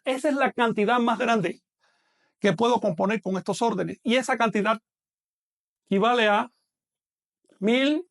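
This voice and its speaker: Gravelly man teaching an online class. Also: high voice. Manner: patient explaining, asks questions of the student.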